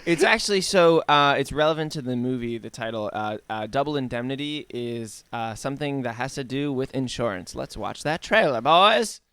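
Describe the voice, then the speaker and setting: A man's voice: mid-range voice, lively intonation, normal speed, hardly any pauses, a bit bright, a little hiss or hum. A male podcast co-host in casual chat, reading facts from notes and adding dry asides.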